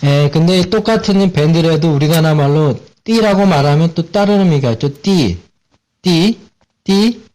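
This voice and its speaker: A man with a Korean accent explaining English vocabulary in a relaxed, casual lesson, with many fillers and repeated words. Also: a little high, a little fast, few pauses.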